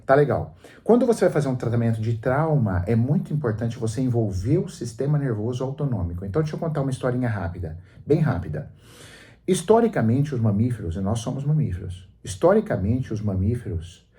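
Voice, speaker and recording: A Brazilian man talking in a radio studio. His voice is mellow and relaxed, and he explains things in a didactic, storytelling way, with emphasis on his key points. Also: mid-range voice. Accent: Brazilian Portuguese. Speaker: psychologist guest on a radio show.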